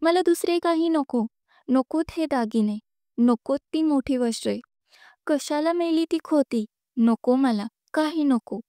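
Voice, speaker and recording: A woman's voice: sits high, unhurried, mellow, dry recording, studio quality. A woman narrator voicing a devout young wife who tearfully begs the gods to spare her husband. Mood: pleading. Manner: pleading, tearful prayer.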